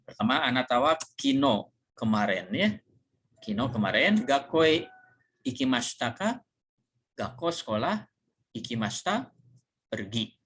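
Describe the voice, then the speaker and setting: A man teaching a recorded language lesson, explaining slowly step by step, reading each phrase and then translating it. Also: medium pitch, sing-song, fairly bright tone, husky.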